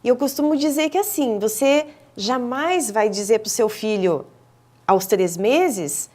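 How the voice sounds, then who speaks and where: Woman, Brazilian Portuguese accent, fairly high voice, teacherly, explanatory, hesitant fillers, television studio interview. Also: a little slow, a little mellow. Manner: didactic, with frequent hesitant fillers and restarts. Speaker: speech therapist and professor, interview guest.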